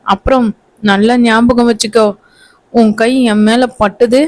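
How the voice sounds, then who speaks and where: A woman's voice: on the high side, fairly even intonation, measured pace, close to an everyday voice. A woman voicing a harsh, threatening young husband. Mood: harsh, menacing. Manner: curt, scolding, menacing.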